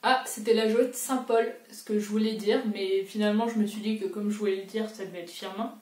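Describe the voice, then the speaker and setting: A woman's voice: medium pitch, steady tone, a little fast, darkish tone, distant mic. A young woman talks through a quiz in a casual, self-mocking vlog voice. She sits a little back from the mic in a roomy, echoing space. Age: young adult. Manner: chatty, self-mocking, thinking aloud. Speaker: booktuber.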